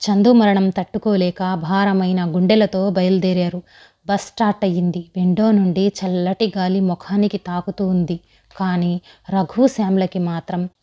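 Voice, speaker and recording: A woman's voice: medium pitch, warm tone. Woman narrating a horror story. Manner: dramatic, suspenseful storytelling. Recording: slightly dull lo-fi sound.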